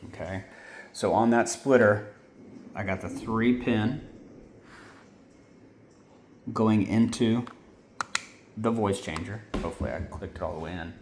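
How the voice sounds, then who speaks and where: Taking his time with long pauses, a man with a low, darkish voice gives a casual walkthrough of his homemade gear. He rambles informally and often corrects himself, and the roomy recording has faint ambience and slight background noise.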